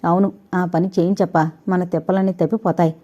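A woman's voice: fairly low pitch, level tone, warm tone, muffled recording, close to an everyday voice. A woman voicing an anxious, complaining young male henchman, the boss's son. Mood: fretful. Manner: complaining, hurried. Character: anxious adult son of the boss, panicky henchman.

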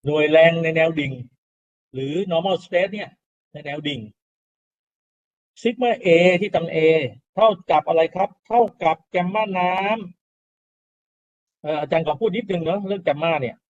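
A university lecturer gives a classroom lecture on soil mechanics, explaining patiently, repeating key terms, and putting rhetorical questions to students. His voice is a little high and unhurried, with long pauses. The classroom recording is dull and lo-fi.

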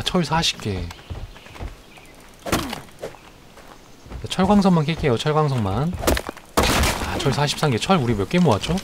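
A man streaming a survival game live, chatting through each move and shouting excitedly when fights break out. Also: mid-range voice, background noise.

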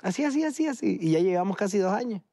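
Lively Ecuadorian man, laughing storyteller. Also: high voice, fast, no echo. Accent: Ecuadorian Spanish. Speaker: guest. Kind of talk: casual interview chat. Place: TV studio.

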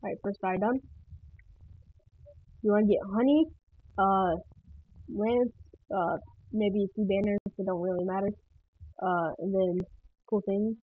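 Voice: mid-range voice, steady tone, measured pace, pauses often. A speaker giving casual gameplay commentary for a guide, rambling and hesitant, often laughing and trailing off. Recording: tinny phone-like dry sound.

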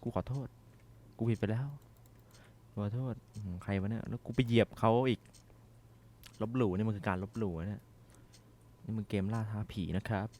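A young man commentating a horror game as he plays, swearing and shouting when startled. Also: fairly low pitch, fairly even intonation, normal speed, pauses often. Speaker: gaming streamer.

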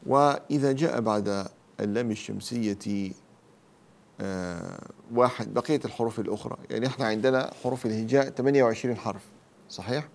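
A man teaching tajweed rules, explaining each rule and then slowly reciting the verse examples. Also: medium pitch, vocal fry.

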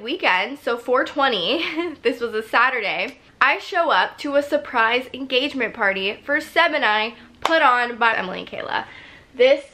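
A woman's voice: fairly high pitch, sharp tone. A woman in her twenties vlogging casually to camera at home, chatty and gushing, filling her talk with "like". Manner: chatty, gushing, says "like" a lot. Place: bedroom and home kitchen, indoors.

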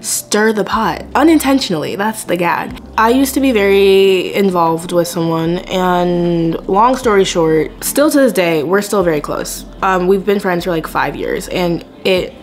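A woman's voice: lowish voice, a little slow, soft background music. A young adult woman vlogging to camera in a casual, candid and confiding way.

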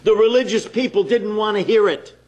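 A man preaching a sermon in a slow, deliberate, emphatic way, pausing between phrases. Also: high voice, darkish tone, highs cut off.

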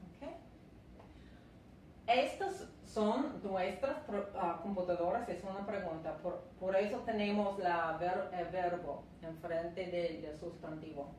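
A woman teaching a live online language lesson, repeating phrases slowly and patiently for beginners. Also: lowish voice, darkish tone, slight background noise. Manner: slow, repeats phrases for learners. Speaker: English teacher. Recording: echoey room, mic at a distance.

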